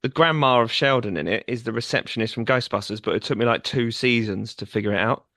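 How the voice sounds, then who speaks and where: Fast-talking guy, gravelly voice, blunt and offhand. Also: mid-range voice, pushed and bright. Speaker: podcast co-host. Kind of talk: casual chat.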